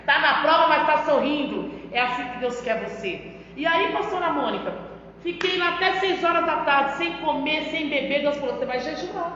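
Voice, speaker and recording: Brazilian woman missionary sharing her testimony, high voice, long church reverb, dull sound. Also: lively intonation, moderate pace, a bit bright. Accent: Brazilian Portuguese. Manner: emphatic, addresses the pastor often. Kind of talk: testimony preaching. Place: church hall.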